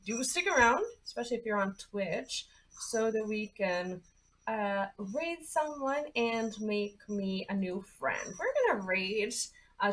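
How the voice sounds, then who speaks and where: A woman's voice: on the high side, fairly bright tone, poor audio. A woman game streamer chatting casually to her viewers, rambling with lots of "like"s and the odd swear. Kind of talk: casual live-stream chat.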